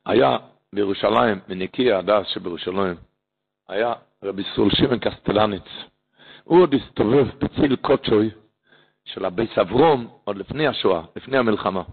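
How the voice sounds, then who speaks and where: A rabbi delivers a story-filled holiday sermon in a husky voice with vocal fry, his pitch climbing sharply for emphasis as he passionately repeats phrases to teach. He leaves long pauses, and the audio is tinny and lo-fi, like a phone.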